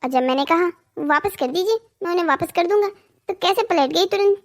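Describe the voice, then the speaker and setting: Speaking in a very high voice, a voice actor plays a hot-headed young brother in a cartoon story. The character is indignant and argumentative, fiercely protective of his sister and quick to anger.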